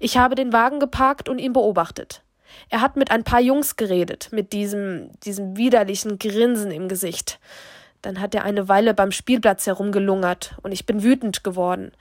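A woman voicing a distraught mother who confesses through tears, halting and stammering. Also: mid-range voice, no echo, clean studio sound, close to an everyday voice. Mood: bitter, angry.

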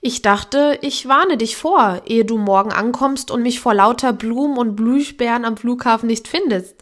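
A woman's voice: fairly high pitch, normal speed, natural voice. A woman reading the lines of a cheerful young man joking with his best friend in an audiobook. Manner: light, joking.

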